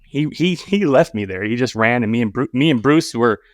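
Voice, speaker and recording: A man's voice: medium pitch, fairly quick, no echo. Male podcast guest, rowdy storyteller, swears freely, dry close mic. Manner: animated, profane, acts out dialogue. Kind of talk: casual storytelling.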